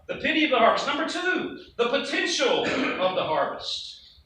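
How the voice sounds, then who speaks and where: Man, pastor, conversational sermon, very bright tone, echoey room, faint background noise. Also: very high-pitched, very animated, moderate pace, far from the mic. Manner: conversational preaching with rhetorical questions and asides.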